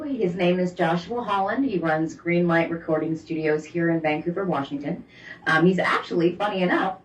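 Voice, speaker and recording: A woman, a band singer, talking freely and laughing as a guest in a remote interview from her bedroom office. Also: on the low side. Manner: friendly, laughs easily, talks freely. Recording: distant, roomy, dull remote call audio.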